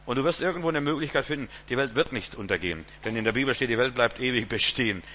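A man's voice: mid-range voice, fast talker, pushed and bright, a little hiss or hum. A man preaching a sermon in a rambling way, repeating words and chuckling now and then.

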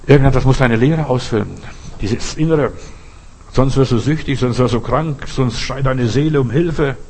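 Husky German-speaking man preaching. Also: darkish tone, rough recording. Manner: rhetorical questions, emphatic repetition; acts out quoted voices with sudden pitch jumps. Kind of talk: sermon.

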